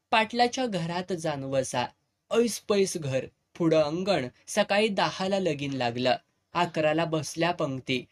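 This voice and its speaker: A storyteller narrating a village folk tale in a rural Marathi dialect, brisk and vivid. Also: mid-range voice.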